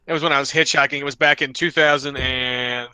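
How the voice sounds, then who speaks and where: A man's voice: medium pitch, steady tone, a little fast, sharp tone, clean tone, dry recording. A man co-hosting a podcast, telling a long rambling story in casual chat and often restarting his sentences. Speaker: podcast co-host.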